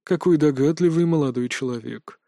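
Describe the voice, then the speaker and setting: A man voicing a cold, curt male handler who speaks in a dry, quietly threatening way over the phone, in an audiobook. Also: a little high, animated, normal speed, no room sound, voice pushed down.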